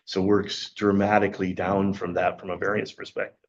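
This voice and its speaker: A man presenting a planning report at a county board meeting, halting with many ums as he loses his voice, on dull lo-fi meeting audio. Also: low voice, little pitch movement, creaky, a little hiss or hum. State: losing his voice.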